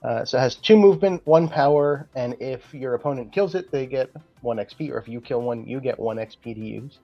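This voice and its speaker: A card game creator co-hosting a casual gaming podcast walks through card stats step by step, using lots of fillers. His voice is medium in pitch and a little fast, with dull audio and faint music in the background.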